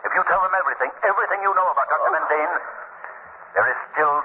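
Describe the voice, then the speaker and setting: An actor playing a commanding, ominous crime-fighter, grave and insistent, with deliberate theatrical delivery in 1940s radio style. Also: male voice, a little high, lightly acted. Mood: grave warning. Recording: tinny, hissy old radio recording.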